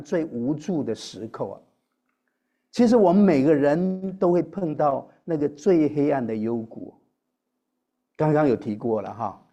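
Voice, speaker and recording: A male pastor delivering a sermon with a mellow, warm tone. His voice sits a little high for a man. He keeps turning to the congregation with questions and ends his phrases with a soft tag. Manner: addresses the congregation, asks questions, tags sentences with a soft "ha".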